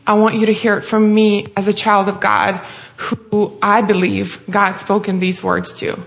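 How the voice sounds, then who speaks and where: A woman's voice: mid-range voice, little pitch movement, a little slow, vocal fry. A woman from Russia with a Russian accent, preaching an earnest, heartfelt sermon.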